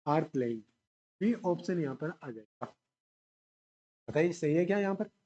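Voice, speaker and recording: A male teacher with a fairly high, warm, animated voice gives an exam-prep grammar lecture at a classroom whiteboard, speaking a little slowly on a lo-fi recording. He keeps asking questions and answering them himself, repeating each key term to drill the class. He weaves English grammar words into his Hindi explanation.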